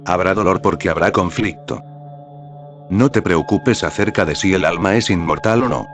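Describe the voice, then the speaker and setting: A man giving a scripted narration of a spiritual teaching in a calm, measured, instructive way. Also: on the low side. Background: faint background music.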